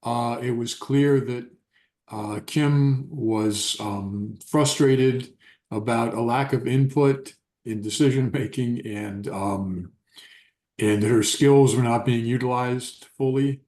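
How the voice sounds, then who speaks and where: Slow, halting man in an echoey room. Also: mid-range voice, darkish tone. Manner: halting, many ums and uhs. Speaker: workshop participant. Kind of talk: giving feedback in a training session.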